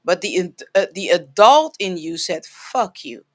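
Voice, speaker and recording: A woman's voice: fairly low pitch, animated, normal speed. A woman hosting a live sound healing session, counseling a caller in a reassuring way, laughing often and repeating phrases for emphasis. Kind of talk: live spiritual counseling chat.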